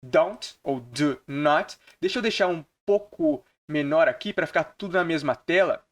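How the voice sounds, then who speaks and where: A man from Brazil teaching English phrases in a screen-recorded lesson, repeating each example slowly and deliberately. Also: on the high side.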